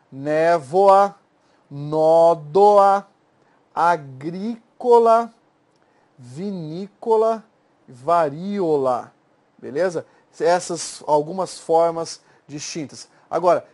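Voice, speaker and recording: Brazilian guy teaching spelling for exams, slightly high voice, drags out the example words. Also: a little mellow. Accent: Brazilian Portuguese. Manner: drawn-out emphatic spelling out of words, teasing scolds. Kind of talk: exam-prep grammar lesson.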